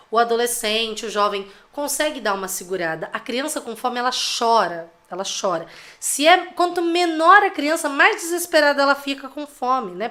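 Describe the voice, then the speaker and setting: Bright-voiced Brazilian woman teaching live. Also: a little high. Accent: Brazilian Portuguese. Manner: chatty, teasing, fills with tag questions. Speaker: parenting educator. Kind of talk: live-streamed class.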